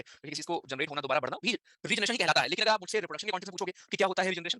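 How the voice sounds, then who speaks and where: Fast, bright-voiced male teacher lecturing. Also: sits high, no echo, studio quality. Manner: chatty, addresses students directly with frequent tag questions. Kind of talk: online class lecture.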